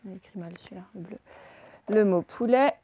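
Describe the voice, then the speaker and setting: A woman primary school teacher giving a recorded phonics lesson to young pupils, speaking slowly and spelling out letters and words at a whiteboard, picked up by her camera's microphone. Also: medium pitch, lo-fi sound, a little hiss or hum. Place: room with a whiteboard, filmed on her own camera.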